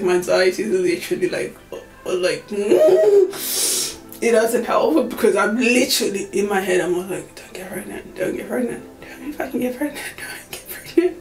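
Speaking casually to her tripod-mounted camera, this vlogger, a woman of 24, fills her talk with fillers and frequent laughter. The small indoor room makes her medium-pitched voice reverberant, and the recording is rough.

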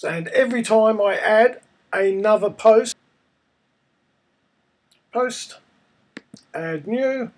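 A man presents a casual software tutorial in a noticeably high voice. It sounds husky and croaky, hoarse with a cold, as he talks through each step. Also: very slow, long pauses. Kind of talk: casual screencast tutorial narration.

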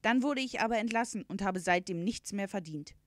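A woman's voice: medium pitch, animated, fairly quick, dry recording, studio quality, lightly acted. A woman voicing a well-educated, unemployed male circus horse in a storybook reading, speaking formally and courteously.

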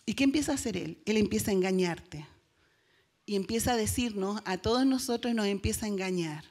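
A woman's voice: mid-range voice, brisk, a little mellow. A woman pastor with a Chilean accent, preaching a sermon and telling a Bible story, acting out the quoted lines in a raised voice and putting rhetorical questions to the congregation.

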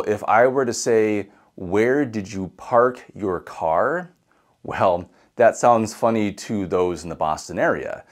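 A pastor from Nebraska in his forties, with a Midwestern American accent, gives an online sermon to camera in a conversational way, chuckling and repeating words when he restarts. His voice is on the low side. He stands outdoors beside a brick building, filmed by a close camera, and the sound is studio quality with no room sound.

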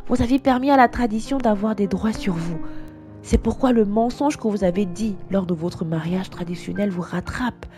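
A woman voicing a male church pastor who gravely admonishes a couple, in an animated story. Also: high-pitched, normal speed, faint music behind, natural voice. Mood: solemn. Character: stern but merciful male church pastor.

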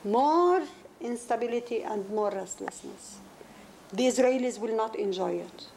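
Her voice is on the high side, creaky and darkish, with lively intonation and a measured pace. She's a Palestinian novelist and Arabic speaker answering interview questions in English, earnest and prone to restarts and repeated words. The recording is a 1991 interview tape carrying faint noise.

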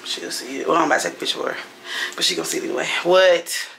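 A woman's voice: fairly low pitch, steady tone, very fast, creaky, a bit bright, slight background noise, rough recording. A young woman vlogging at home, chatting casually to her viewers, profane and exasperated. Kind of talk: casual vlog chat.

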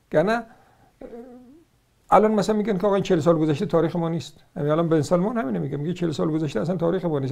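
A man's voice: high voice, darkish tone. A man with an Iranian Persian accent giving argumentative religious commentary, sarcastic and combative, firing off rhetorical questions as he rebuts points one by one.

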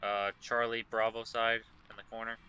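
A man playing incident commander in an online firefighting game, giving halting radio-style orders and chatting casually. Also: lowish voice, little pitch movement, clear, resonant tone, muffled recording. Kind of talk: role-play radio dispatch and casual gamer chat. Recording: noisy voice chat with vehicle sounds. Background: loud game vehicle noise and ambience.

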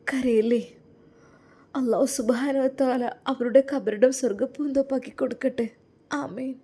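A woman voices a lonely, orphaned young bride in a spoken story drama. She sits higher than the performer's own voice, with a mellow, warm tone. Her speech is hesitant and halting, and she stays timid and tearful. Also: husky, heavily acted. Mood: earnest.

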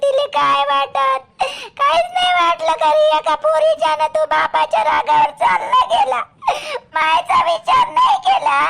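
A man voicing a crying, scolding village mother, who wails and shouts reproachfully. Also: very high voice, creaky, voice pushed up, full character voice. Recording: dull lo-fi recording, faint music.

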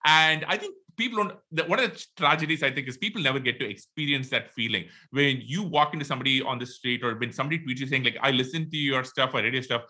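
A middle-aged man with an Indian accent speaks quickly and animatedly as a podcast guest, using plenty of fillers in casual interview talk. His voice is mid-range, and he joins a video call on headphones from a room at home.

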